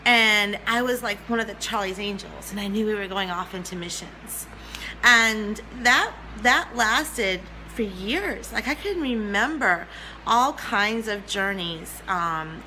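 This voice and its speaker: Female, 40s, spiritual teacher on a livestream. Earnest, repeats herself, bright tone. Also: medium pitch, a little hiss or hum, poor audio. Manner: earnest, repeats phrases, greets viewers by name. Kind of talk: livestream talk to viewers.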